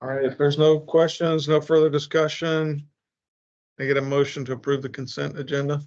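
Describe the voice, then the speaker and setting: Guy chairing a board meeting, formal n a bit halting, dull lo-fi recording. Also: a little high, flat delivery, darkish tone. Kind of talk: formal public meeting procedure. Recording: muffled, band-limited meeting recording.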